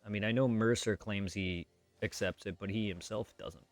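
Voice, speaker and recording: With faint music behind him, a man does an unscripted livestream, speaking to his chat in a blunt, repetitive way and occasionally cursing. His normally very quiet voice sits on the low side, steady in tone, at a normal speed.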